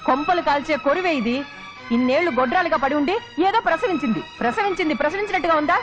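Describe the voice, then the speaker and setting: A woman's voice: sits high, expressive, quick pace. An actress playing a spiteful, scheming mother in a melodramatic film, who scolds, curses and wails theatrically. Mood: venomous. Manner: scolding, cursing, theatrical wailing. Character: spiteful scheming mother, sharp-tongued and bitter. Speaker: mother in a family drama. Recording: dull lo-fi film audio with music.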